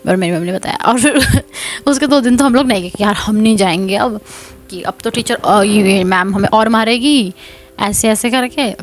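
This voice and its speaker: A young woman telling a personal story in a chatty, animated way, often laughing and mixing in English words. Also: medium pitch, normal speed. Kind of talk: casual storytime narration.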